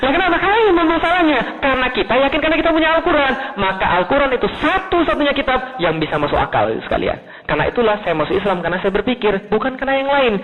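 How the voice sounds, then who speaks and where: A man from Indonesia preaching a lively sermon, telling stories with quoted voices and asking the audience questions. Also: extremely high pitch, rapid-fire. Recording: tinny phone-like sound with long hall reverb.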